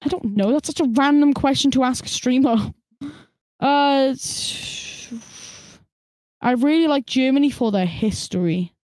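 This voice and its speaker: A woman streaming a game live, teasing her friend in playful, quick banter. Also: sits high, a little mellow, dry recording.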